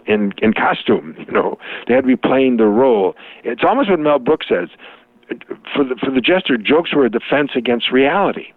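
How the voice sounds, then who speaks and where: Heard through a tinny, phone-like dry recording, a mid-range male voice belongs to an interview guest in a relaxed chat. His answers wander, full of fillers and restarts.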